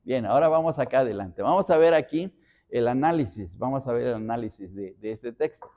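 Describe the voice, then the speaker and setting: A man's voice: mid-range voice, animated, a little fast, mellow. A man from Mexico, a pastor teaching a Bible study, explaining word by word and repeating phrases as he reads references.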